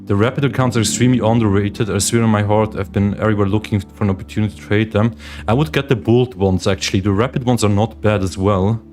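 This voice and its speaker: A young Swiss man, a day trader, hosts a casual livestream, chatting with viewers and reading their chat questions aloud. His voice is lowish and darkish, with fairly even intonation, and he talks fast. Meditation music plays behind him.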